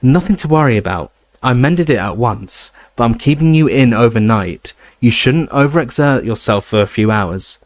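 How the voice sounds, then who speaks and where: A man voicing a brisk, bossy older witch nurse. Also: medium pitch, lively intonation, no room sound, lightly acted.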